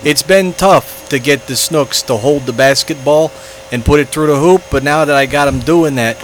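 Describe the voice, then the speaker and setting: A man's voice: fairly high pitch, moderate pace, slight background noise, lightly acted, rough recording. A man doing a New York fish coach. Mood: boastful. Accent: New York put-on. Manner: boastful, rambling. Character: eager male fish basketball coach.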